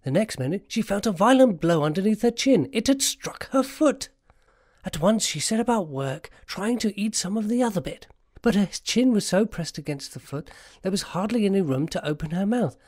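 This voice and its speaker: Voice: medium pitch, animated, brisk, darkish tone, no echo, studio quality. A narrator reading a scripted story in an audio adaptation.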